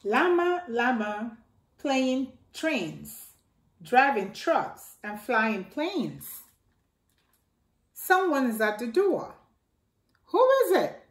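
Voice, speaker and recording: A children's picture book is read aloud by a middle-aged woman in storytime style: unhurried, expressive, and jumping high for exclamations and a toy's voice. The echoey recording was made in a living room by a staircase.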